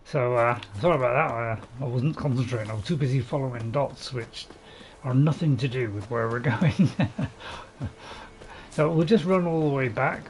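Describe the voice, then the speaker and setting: A man's voice: mid-range voice, normal speed. A man giving rambling, casual commentary as he plays a video game. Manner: rambling, chuckling asides. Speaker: gamer recording a playthrough.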